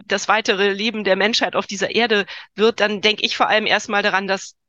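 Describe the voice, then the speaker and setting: A woman's voice: mid-range voice, level tone, fairly quick, pushed and bright. A woman with a slightly stuffy nose a cold, hosting a podcast with introductions and interview questions.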